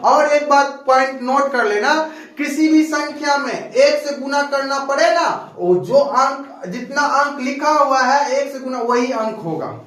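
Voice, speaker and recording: A male math teacher with an extremely high, fairly bright voice speaks a little slowly, asking his students questions over and over. He sticks to a repetitive call-and-response, checking each time that they understood, in a very echoey classroom recorded by a distant mic.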